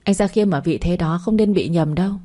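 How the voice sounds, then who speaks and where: A woman's voice: on the low side, brisk, dark tone, natural voice. A woman reading a flustered young woman florist. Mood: protesting. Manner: flustered, protesting.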